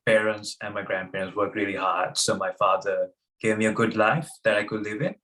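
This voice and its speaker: A young man from Sri Lanka, a guest on an interview podcast, speaking with hesitant pauses and fillers. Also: on the low side, a bit bright. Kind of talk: casual interview chat.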